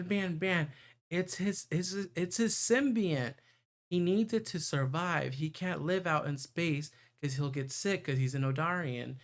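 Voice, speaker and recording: In a slightly high voice, a man reads a visual novel's narration aloud on a livestream with a playful touch, now and then stumbling or wandering off into chatty side comments.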